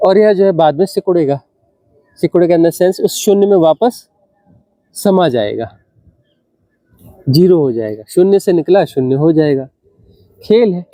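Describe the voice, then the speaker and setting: A man, a spiritual teacher, gives an unhurried discourse, repeating phrases for emphasis and asking rhetorical questions. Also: high voice, dark tone, no room sound.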